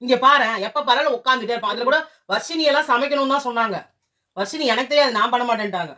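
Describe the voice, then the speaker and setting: Blunt, fast-talking woman co-host. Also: a little high, pushed and bright. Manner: blunt, scornful remarks. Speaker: co-host reviewer. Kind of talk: casual chat reviewing a show promo.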